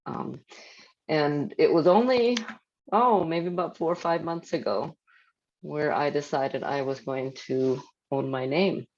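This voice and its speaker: A woman's voice: deep voice, measured pace, a little mellow, slight background noise. A woman from Thailand on a panel over a video call, telling her story frankly. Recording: muffled lo-fi audio.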